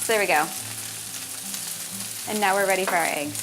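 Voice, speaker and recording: Calm woman demonstrating a recipe. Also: medium pitch, moderate pace, noisy background. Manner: calm, explains step by step. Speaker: cook. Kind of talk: cooking demonstration.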